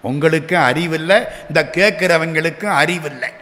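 A man's voice: a little high, moderate pace, bright, forceful tone. A man giving a devotional speech, telling a saint's story, asking questions and answering them himself and acting out the lines of the people in it. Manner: acts out the dialogue of the figures in his stories. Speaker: devotional speaker. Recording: long hall reverb.

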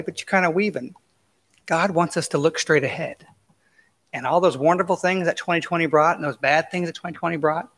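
Pastor, male, slightly high voice, relaxed storytelling sermon, long church reverb. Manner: folksy, anecdotal storytelling with casual asides. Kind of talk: conversational sermon. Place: church sanctuary.

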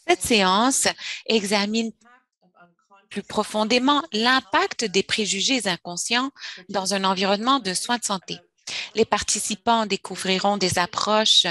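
A woman working as a simultaneous interpreter, giving a formal, measured French rendering of a webinar presentation with uneven phrasing. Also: mid-range voice, a bit bright.

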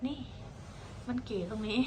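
A woman's voice: a little slow, warm tone. A young woman chatting casually to her viewers while she films her travels, talking straight to camera with chirpy asides. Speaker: travel vlogger. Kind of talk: casual travel vlog chat. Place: hotel room and city streets and stations. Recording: noisy handheld travel recording.

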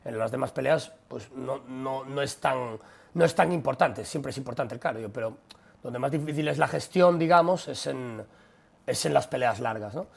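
A man's voice: mid-range voice, moderate pace, vocal fry, breathy edge. A young man with a Spanish accent from Spain, ranting bluntly and profanely at his live-stream chat.

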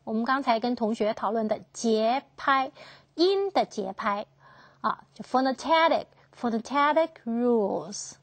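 A woman teaching English phonetics in a classroom lecture, asking her students questions and slowly repeating each key term. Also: on the high side, lively intonation, no room sound. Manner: slow, drawn-out, repeats key terms, asks students questions.

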